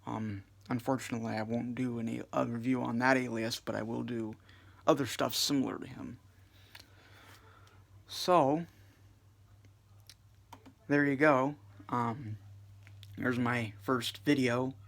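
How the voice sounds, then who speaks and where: A man giving a casual music review in a subdued, flat way, full of hesitations and fillers. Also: mid-range voice, unhurried, creaky, pauses often. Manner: hesitant, many fillers and restarts.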